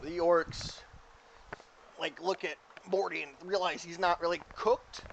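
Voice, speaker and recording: A woman's voice: fairly low pitch, fairly even intonation, measured pace, gravelly, slight background noise, low-quality recording. A woman narrating as game master in a casual, giggly way, full of "like"s.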